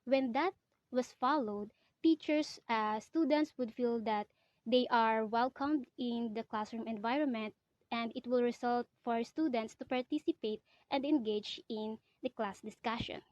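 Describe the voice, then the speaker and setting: A young Filipino woman, whose first language is Filipino and who has a Filipino accent, earnestly presents a lesson on teaching, frequently restarting and correcting herself mid-sentence. Her voice is a little high, slow, and mellow, in a dry, lo-fi recording.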